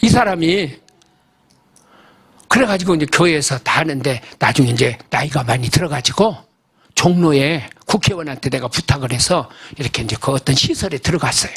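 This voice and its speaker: Husky high-voiced older pastor preaching. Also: male voice, animated, fairly quick, fairly bright tone. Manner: folksy, emphatic, asks the congregation questions. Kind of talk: sermon storytelling. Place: church service.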